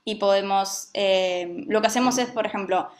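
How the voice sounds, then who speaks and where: A woman's voice: mid-range voice, moderate pace. A woman teaching a music lesson, who explains patiently and often checks that her students follow.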